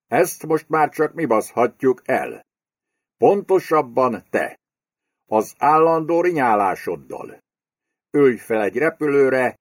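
A domineering, crude male property speculator, read by a man in an audiobook. He threatens and bullies with a lively, swinging delivery. The sound is close and dry. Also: mid-range voice, no room sound, pitched above the performer's own voice. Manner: menacing, bullying, crude. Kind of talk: audiobook character voice.

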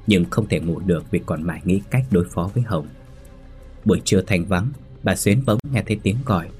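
A man narrating a ghost story in a steady, measured storytelling voice. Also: sits low. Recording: faint background music.

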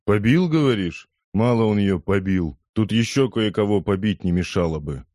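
A man's voice: lowish voice, animated, moderate pace, a little mellow, no room sound, studio quality, pitched above the performer's own voice, lightly acted. A man voicing a surly, drunk young man who snaps harshly in an audiobook. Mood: gruff. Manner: gruff, snapping.

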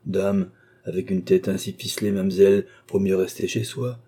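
A man's voice: deep voice, fairly even intonation, moderate pace, dark tone. A man voicing a cheerful, unlucky young working man with a folksy, self-mocking way of talking. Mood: rueful.

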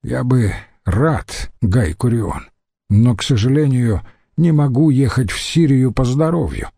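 A man's voice: medium pitch, lively intonation, a little slow, gravelly, dark tone, husky, no room sound, studio quality, full character voice. A male audiobook reader voicing a touchy bald Roman nobleman who complains indignantly. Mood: complaining.

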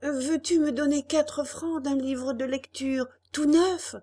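A woman's voice: high-pitched, steady tone, slow pace, warm tone, dry recording, voice pushed up. A woman voicing an eager wooden puppet boy who pleads. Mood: pleading.

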